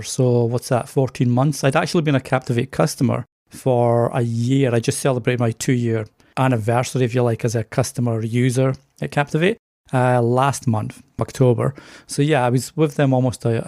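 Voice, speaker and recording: A middle-aged man from Scotland with a softened Scottish accent tinged with Canadian, chatting easily and with self-deprecating laughs as a podcast guest. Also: medium pitch, fairly even intonation, normal speed, no echo, studio quality. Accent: softened Scottish with a slight Canadian tinge. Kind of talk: casual interview chat.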